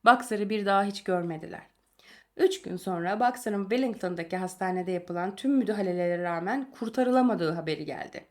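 A woman reads a novel chapter aloud at an even, middle pitch. Her delivery is calm and measured, the steady pacing of an audiobook narrator.

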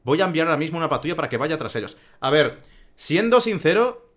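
A man's voice: a little high, very animated, fast talker, fairly bright tone. A man with a Spain Spanish accent doing gameplay commentary in a sarcastic, swearing, ranting manner. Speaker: let's play commentator.

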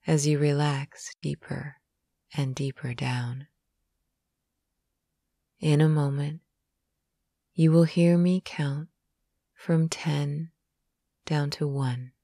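A woman reading a guided sleep hypnosis in a slow, soothing, soft manner, with some phrases whispered. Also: deep voice, fairly even intonation, gravelly, husky, no room sound, clean studio sound.

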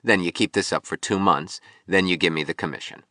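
A man's voice: sits low, brisk, sharp tone, no echo, clean studio sound. A man voicing a bitter, drunk young male sculptor in an audiobook, with a hard, impatient, belligerent voice. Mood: swaggering, bitter. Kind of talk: audiobook reading.

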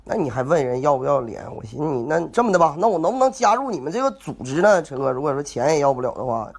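A young adult man from Northeast China rambles through a prank phone call in a Northeastern Mandarin accent, feigning innocence. His voice is a little high, sing-song, creaky and husky, and he talks fast.

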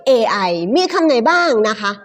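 A woman's voice: sits high, lively intonation, moderate pace. A woman teaching English pronunciation in an online lesson, patiently repeating each word and adding polite particles.

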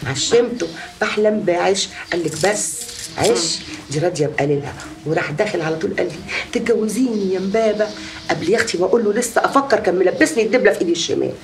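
Actress doing chatty egyptian mom bragging about her husbands, fast talker, kinda far from the mic. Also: mid-range voice, lightly acted. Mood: gossiping. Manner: chatty, gossiping, dramatic exclamations. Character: boastful middle-aged mother, gossipy much-married storyteller. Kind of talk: TV comedy series acting.

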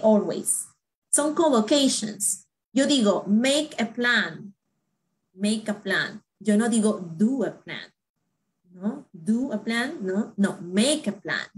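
A woman's voice: mid-range voice, poor audio. A woman teaching an English lesson online, explaining in Spanish and repeating English examples for learners with frequent check-ins. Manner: repeats phrases slowly for learners.

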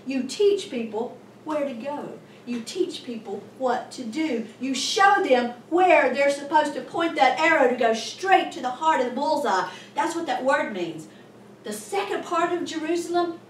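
A woman pastor preaching a sermon in a church, animated and emphatic with sudden loud bursts. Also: high voice, normal speed, a little hiss or hum. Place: church sanctuary. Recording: echoey room from a distant mic.

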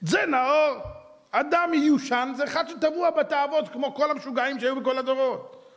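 A man, a rabbi, giving a lively sermon with anecdotes, acting out voices in quotes and firing rhetorical questions. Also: very high-pitched. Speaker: rabbi giving a Torah lecture. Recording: long hall reverb.

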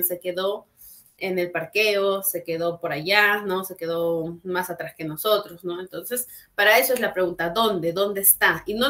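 A woman's voice: medium pitch, fairly bright tone. A woman teaching English in an online class, explaining patiently and checking in with her students through frequent tag questions. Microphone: computer mic on video call.

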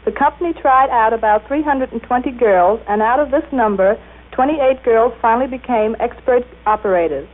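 A woman giving a formal, scripted explanation with precise, measured enunciation. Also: on the high side. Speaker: machine operator being interviewed. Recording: tinny, band-limited 1930s radio recording.

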